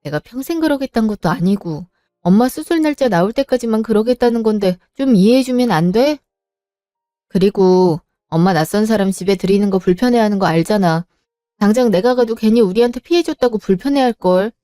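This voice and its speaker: A woman's voice: medium pitch, a little fast, warm tone, no echo, soft background music. A woman narrating and acting as a worried housewife who anxiously pleads for her ill mother. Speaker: narrator and protagonist. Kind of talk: scripted drama narration.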